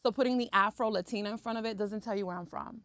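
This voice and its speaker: Fast and a bit bright, with a medium pitch and no room sound, a woman talks chattily as a guest in a podcast interview. She's an esthetician and skincare brand owner from Cuba who has lived in the US since age three, and she often checks in with her listener.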